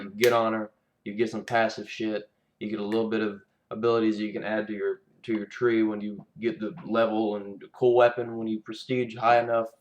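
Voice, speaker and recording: A man's voice: on the low side, rough recording. Angry, sarcastic man ranting about games. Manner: angry, sarcastic, swearing, voice jumps up when exasperated. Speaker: video game player ranting. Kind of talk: profane gaming rant.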